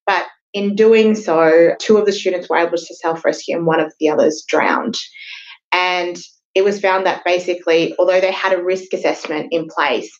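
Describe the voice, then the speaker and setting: Female co-host, lower voice, relaxed case recap, slightly muffled lo-fi sound. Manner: conversational, recounts cases with quick fillers. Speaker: podcast co-host. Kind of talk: casual legal discussion podcast.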